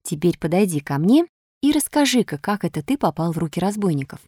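Storybook: woman playing a kind fairy, gentle, quiet, lively in tone. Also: on the low side, fairly quick, dry recording, studio quality. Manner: gentle, soft-spoken, coaxing. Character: kind, patient motherly fairy. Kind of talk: storybook reading.

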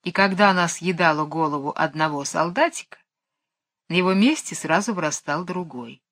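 A woman reading a children's book aloud with lively expression, raising her voice to play the excited children. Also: low voice, moderate pace, dry recording, clean studio sound. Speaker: audiobook reader.

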